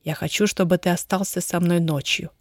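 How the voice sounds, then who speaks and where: A woman doing a teasing young wife in an audiobook, pitched up and lively, dry close sound. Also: a little fast, no echo.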